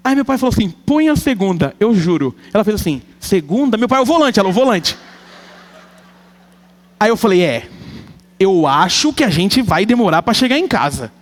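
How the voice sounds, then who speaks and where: A man preaching a sermon, telling a comic family story with animated delivery. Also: high-pitched, brisk. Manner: animated, comic, acts out family members' voices. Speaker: pastor. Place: church hall. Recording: long church hall reverb.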